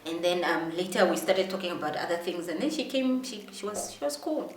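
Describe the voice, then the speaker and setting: A woman's voice: lowish voice, expressive, fairly quick, slight background noise. A young woman from Namibia with a Namibian accent, telling a story casually with many fillers and restarts. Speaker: vlogger. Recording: roomy, distant mic, faint music.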